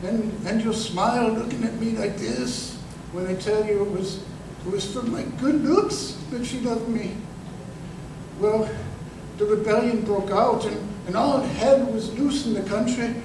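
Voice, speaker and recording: Once again voicing the earnest, working-class ex-corporal, crippled and resentful over the betrayal he remembers, the man speaks in a high register. His delivery is halting and forceful, with repeated words and a wistful bitterness. The live museum show echoes, and the room noise comes through the far-off mic.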